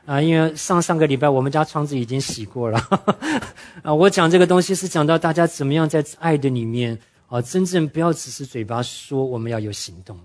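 A man preaching a sermon, telling stories earnestly and slowing down to stress his main points. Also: on the high side. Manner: earnest storytelling preacher, drops English words into speech; slows down and drops his voice to stress key points. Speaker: pastor.

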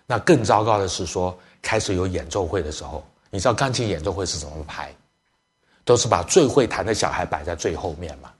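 A middle-aged man preaches as a church elder, his voice sitting fairly low. He tells family stories in a lively way, acting out both sides of conversations and slipping English phrases into his talk. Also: a little fast. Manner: lively storyteller, acts out family dialogue; drops English phrases into speech. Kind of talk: sermon storytelling to parents.

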